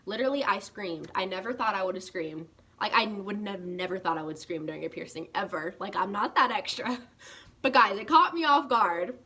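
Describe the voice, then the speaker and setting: Young woman, from California, vlogger, casual chat to camera, lots of "like" and "guys", bright tone. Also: medium pitch, a little fast, husky. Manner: chatty, animated, full of "like" and "guys".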